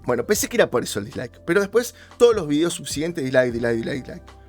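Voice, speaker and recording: An Argentine YouTuber with a Rioplatense Spanish accent delivers a casual monologue straight to his viewers, persuasive and with his pitch jumping up for emphasis. His voice is sing-song, fast and a little mellow, with faint music in the background.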